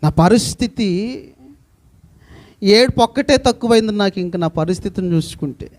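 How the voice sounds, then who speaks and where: A man's voice: high voice, expressive, normal speed, darkish tone. A male preacher voicing a desperate woman who has been sick for twelve years, pleading in rhetorical questions. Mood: despairing.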